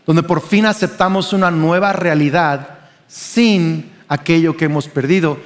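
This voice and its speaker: A man's voice: on the high side, measured pace, long reverb tail. A man with a Mexican Spanish accent preaching a sermon as pastor, conversational and often asking the congregation questions.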